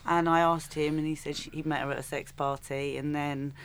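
A woman's voice: deep voice, level tone, brisk, a little hiss or hum. A woman, a podcast guest, telling anecdotes casually in a slightly hesitant, matter-of-fact way.

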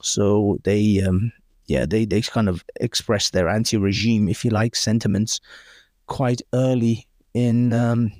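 A man answers a host's questions in a relaxed interview. His voice sits fairly low and sounds close and dry. He speaks thoughtfully and often pauses on ums before he corrects himself. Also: no room sound. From born in Iran, raised in Britain. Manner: thoughtful, hesitant, with frequent ums and self-corrections. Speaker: podcast guest.

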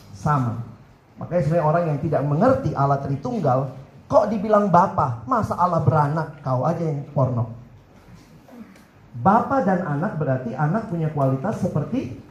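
A young man giving a lively campus sermon, joking and telling animated stories to his listeners. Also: sits high. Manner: playful, joking, animated storytelling. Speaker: preacher. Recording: roomy hall echo, faint background noise.

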